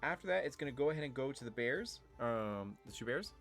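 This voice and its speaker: A man's voice: mid-range voice, animated, fairly quick, a bit bright, soft background music. A man running a tabletop game as game master, narrating casually and giving easygoing rulings.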